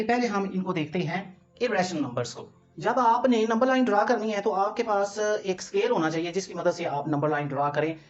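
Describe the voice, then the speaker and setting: A man's voice: sits high, lo-fi sound. A man from Pakistan teaching a math lesson, explaining each step patiently in a mix of Urdu and English terms.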